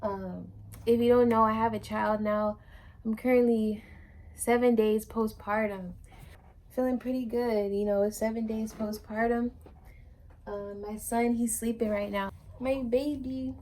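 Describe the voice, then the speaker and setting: A woman's voice: on the high side, level tone, a little slow, darkish tone. A young woman and new mother chatting to camera in a loose, rambling way, full of fillers and restarts. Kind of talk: casual chat to camera.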